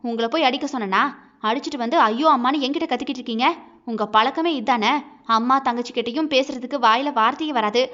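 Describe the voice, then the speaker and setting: A woman's voice: a little high, fast talker, fairly bright tone, lightly acted. A woman voicing a hurt young wife who argues back sharply and bitterly, in a dull lo-fi recording.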